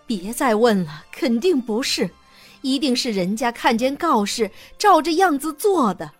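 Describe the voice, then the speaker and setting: A man's voice: very high voice, very animated, unhurried, faint music behind, voice pushed up, exaggerated voice. A man voicing a worried middle-aged noble mother who speaks decisively.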